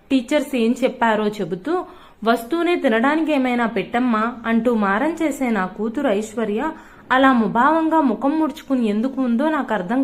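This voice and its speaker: Brief: woman storyteller, gentle steady reading, slightly high voice. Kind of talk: scripted first-person story narration.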